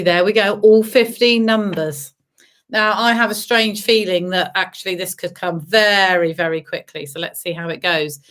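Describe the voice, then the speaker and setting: A bingo caller with a lowish, fairly bright voice hosts an online game. She delivers the traditional rhyming number calls in a sing-song, repeated way and chats with the players, throwing in teasing asides.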